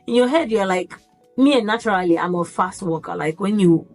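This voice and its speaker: A woman vlogger telling her own story in a casual, animated way, jumping into the voices of the people she quotes. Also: medium pitch, moderate pace, faint music behind, poor audio. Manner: animated, acts out the yelling in quotes. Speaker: vlogger recounting her military training.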